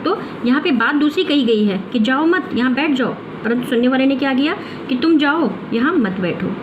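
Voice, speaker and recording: A woman teaching a grammar lesson, explaining step by step and answering her own questions. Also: a little high. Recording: muffled with clear background noise.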